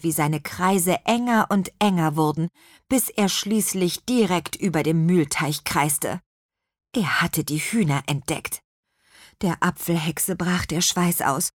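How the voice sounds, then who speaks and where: A woman narrating a children's audiobook with animated storytelling. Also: mid-range voice, dry recording, studio quality.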